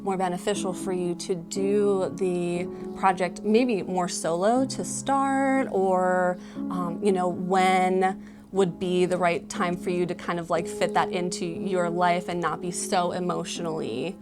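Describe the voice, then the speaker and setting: With music playing behind her, a tarot card reader explains the cards in a casual, conversational way, hedging often with "like" and "you know." Her lowish voice keeps a steady tone at a measured pace.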